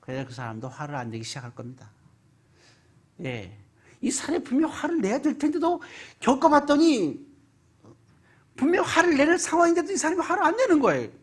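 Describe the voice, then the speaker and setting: A pastor preaching a Sunday sermon, asking the congregation questions and swinging between loud and hushed. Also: high voice, huge pitch swings, fairly quick, pauses often. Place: church sanctuary.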